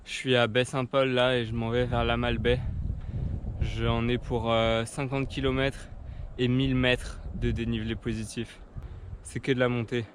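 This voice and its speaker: A young man with a mid-range voice talks at a normal speed in a flat, tired way, sounding sick with a cold and a sore throat. He's a touring cyclist vlogger out on the road, chatting casually to the camera and calling his viewers "les gars." Loud background music plays over his talk, and there's a little hiss or hum.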